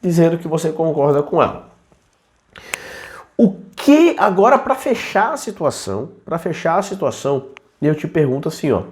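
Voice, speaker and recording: A man teaching aviation English in a chatty video lesson, reading English examples slowly. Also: on the high side, sing-song, a little mellow.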